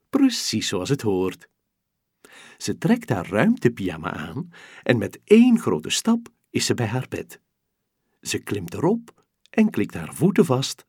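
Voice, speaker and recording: Slow, gently husky man telling a children's story. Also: lowish voice, wildly swooping pitch, no echo, studio quality.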